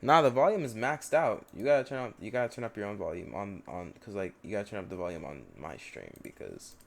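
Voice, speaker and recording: A young man chatting casually on a stream, joking around with friends in relaxed banter. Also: fairly low pitch, quick pace, gravelly. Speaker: fellow streamer.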